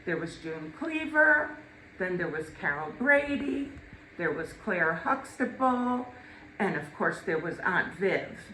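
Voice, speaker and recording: A woman delivering a eulogy to family, telling stories in a measured way with dramatic pauses and emphasis. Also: fairly low pitch, very animated, bright, forceful tone. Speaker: eulogist, daughter of the deceased. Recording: echoey room with faint noise.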